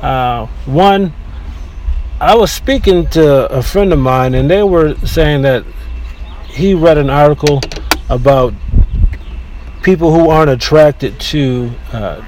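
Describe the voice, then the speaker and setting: A man with a somewhat high voice talks his way through a casual podcast monologue from the seat of a car. He is opinionated and rambles, often restarting his sentences. The recording is low quality, with a faint hum of background noise from the car and street. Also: takes it slowly, pauses often, darkish tone, poor audio. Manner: talkative, opinionated, with frequent restarts. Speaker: podcast host. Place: inside a car near a beach.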